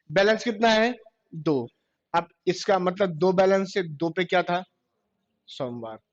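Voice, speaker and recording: A male teacher, lecturing a classroom and asking questions that he then answers himself. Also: sits high. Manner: quizzes class, answers his own questions. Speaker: computer teacher. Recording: dull lo-fi classroom recording.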